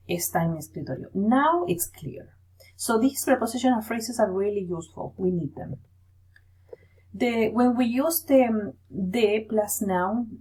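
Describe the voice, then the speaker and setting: Husky low-voiced woman teaching grammar. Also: mellow, poor audio. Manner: patient, explains step by step with frequent "right?". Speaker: Spanish teacher. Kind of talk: recorded grammar lesson.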